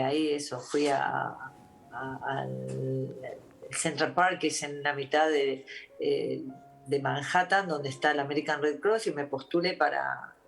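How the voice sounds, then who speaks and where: A woman with an Argentine accent, a doctor giving interview testimony in a halting, reflective way, with many restarts and fillers. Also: a bass voice, gravelly. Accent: Argentine Spanish.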